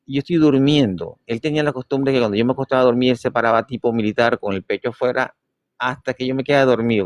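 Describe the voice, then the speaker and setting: A man's voice: medium pitch, dry recording. A man telling a personal story in a casual live stream, acting out the dialogue. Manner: animated storyteller, acting out quoted dialogue with dropped soft voice.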